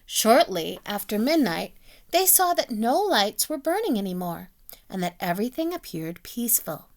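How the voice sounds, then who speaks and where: A woman's voice: a little high, very animated, moderate pace. A woman reading a children's picture book aloud, as a teacher telling the story with voiced animal sounds.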